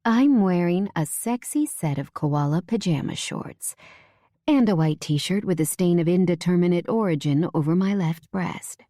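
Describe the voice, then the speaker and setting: Woman, audiobook narrator, first-person romance, mellow lowish voice, soft unhurried reading, dry close recording. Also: animated, dry recording.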